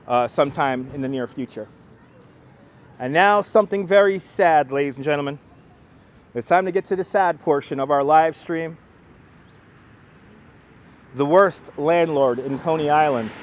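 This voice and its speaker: Speaking a little high, a man from Brooklyn guides live-stream viewers through seaside city streets in a loose, rambling chat. Each word comes out clear and deliberate, with urban street sounds audible through his wireless clip-on microphone.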